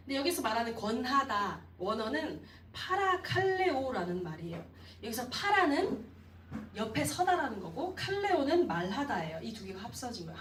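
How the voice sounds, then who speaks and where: A woman evangelist preaching a youth sermon in an expressive storytelling manner, acting out the people in the story. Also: a little high, slight background noise. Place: church sanctuary. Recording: roomy echo, distant mic.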